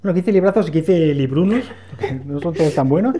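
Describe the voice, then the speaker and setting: A man with a Spain Spanish accent co-hosting a book channel, summarizing novels in a measured, explanatory way. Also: fairly high pitch, lively intonation, dark tone. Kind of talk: book review chat.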